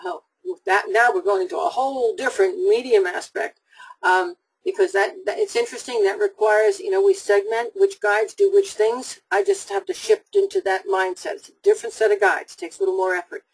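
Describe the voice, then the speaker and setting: A woman's voice: mid-range voice, lively intonation, a little fast, creaky, husky, rough recording. A woman hosting a live call-in psychic webinar, giving readings to callers in an upbeat, reassuring way.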